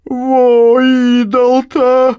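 A man's voice: high-pitched, very animated, slow pace, no echo, highs cut off, voice pushed up, exaggerated voice. Man doing a scolding old village mum, voice pushed way up, swings all over. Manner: scolding, shouting reproaches. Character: older peasant mother, scolding, shrill and tearful. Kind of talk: audiobook reading.

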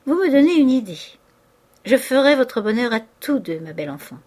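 A woman's voice: high voice, sing-song, a little fast, a little mellow, pitched above the performer's own voice. A woman reading an audiobook voices a sardonic man of forty, mocking, swaggering and coolly menacing.

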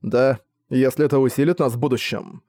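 A man voicing a calm, diplomatic male superhero leader. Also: medium pitch, no echo, studio quality, close to an everyday voice. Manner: measured, diplomatic.

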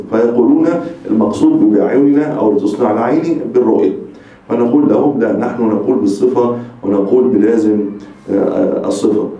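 A man teaches a religious text as a sheikh, talking quickly in a dark, mellow voice. He explains emphatically and restates his points. The sound is a dull, distant recording in a very echoey room. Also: on the low side. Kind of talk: religious lecture.

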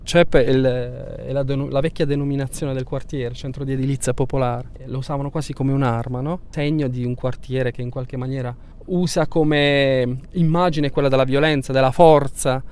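A man, a youth program coordinator, answering interview questions in a measured way and often repeating words while he thinks. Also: medium pitch, fairly even intonation, darkish tone, smooth. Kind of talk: interview in a car. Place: moving car. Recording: noisy car interior with traffic.

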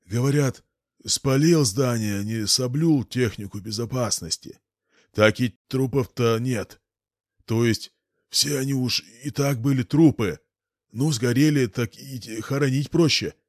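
A man's voice: medium pitch, measured pace, no echo, clean studio sound, lightly acted. A man voicing a frightened, drunk old village morgue watchman who stammers and whines. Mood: whining. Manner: stammering, wheedling, self-pitying.

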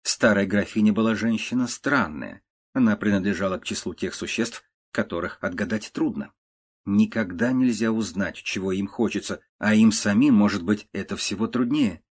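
A man narrating a classic prose story in a measured, even audiobook reading. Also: fairly low pitch, husky.

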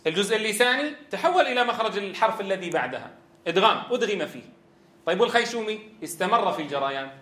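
Bright-voiced man teaching Quran recitation. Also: high voice, lively intonation, racing, echoey room. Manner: demonstrates sounds, drills students with repeated questions. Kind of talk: tajweed lesson.

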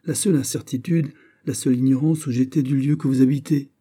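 A man's voice: mid-range voice, fairly even intonation, brisk, dark tone, voice pushed up, lightly acted. Man voicing a stammering, fawning old-regime prison governor. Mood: obsequious. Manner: stammering, eager to please. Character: flustered, fawning middle-aged male prison governor.

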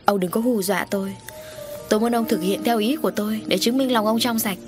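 A woman's voice: mid-range voice, normal speed, over music, natural voice. A woman voicing a jealous, vicious middle-aged wife who accuses and sneers. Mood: jealous accusing.

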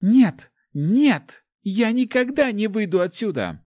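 A frightened little noble girl wails and pleads in a thin, strained high voice, as a man puts her on. She sounds tearful and desperate, a storybook victim, recorded dry and close. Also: very animated, takes it slowly, a little mellow, no room sound, full character voice. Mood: terrified. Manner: crying, high-pitched wailing. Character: terrified young noble girl, sobbing and pleading. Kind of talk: audiobook character voice.

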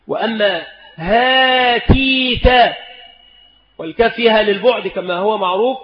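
A man, a scholar teaching spelling rules in a recorded lesson, who speaks slowly and deliberately and dwells on each example word. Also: high voice. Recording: echoey hall, dull lo-fi sound.

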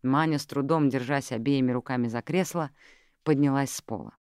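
An audiobook narrator reading a detective novel with a steady, even delivery. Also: mid-range voice, fairly quick, clean tone, no room sound, clean studio sound. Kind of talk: scripted narration.

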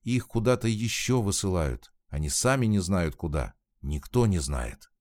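A man reading aloud, voicing a frightened young woman who is near tears, raising his low voice as she pleads in a halting way. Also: big pitch swings, a little mellow. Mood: pleading.

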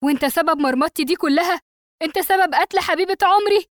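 A woman's voice: very high-pitched, little pitch movement, fast talker, no room sound, clean studio sound, voice pushed up. A woman voicing an emotional young man with an Egyptian accent in an audiobook. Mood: shocked, angry. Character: grieving young man, then stunned and furious. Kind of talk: audiobook character reading.

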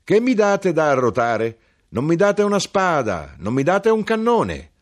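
An actor reading an audiobook voices a young, thin male knife grinder with a slightly raspy voice, who shouts and sneers. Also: fairly high pitch, huge pitch swings, a little slow, pitched above the performer's own voice. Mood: mocking shouts.

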